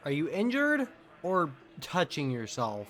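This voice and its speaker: A man's voice: on the high side, wildly swooping pitch, unhurried, fairly bright tone. A man giving casual playthrough commentary as a gaming host, with a sarcastic, crude and profane manner.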